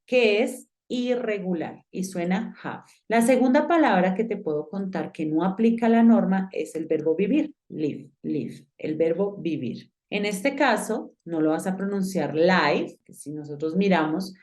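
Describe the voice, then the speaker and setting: A woman's voice: mid-range voice, expressive, normal speed, few pauses, darkish tone. A woman teaching an online English class, explaining step by step and putting direct questions to the student. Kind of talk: online lesson.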